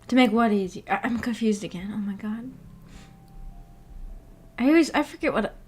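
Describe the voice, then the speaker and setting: Reading out and responding to viewer comments, a woman who livestreams and runs a book club chats in a rambling, hesitant, giggly way. Her voice sits on the high side, a little mellow with a breathy edge, at a moderate pace.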